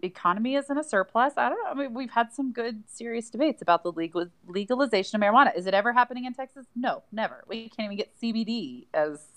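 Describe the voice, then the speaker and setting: A woman's voice: a little high, fast talker, few pauses. Playful woman telling casual anecdotes. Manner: animated storytelling, quotes others, playful. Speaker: podcast guest.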